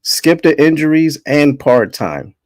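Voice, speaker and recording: A man's voice: on the high side, sing-song, slow pace, no room sound. A man hosting a casual wrestling chat with friends, laid-back and rambling, laughing easily. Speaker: host running a wrestling bracket show.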